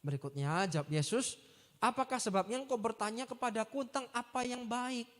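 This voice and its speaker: A man giving a lively youth sermon, chatty and acting out the quotes he tells. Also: extremely high pitch, fairly quick. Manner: animated, chatty, acts out quotes. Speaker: youth preacher. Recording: long church reverb.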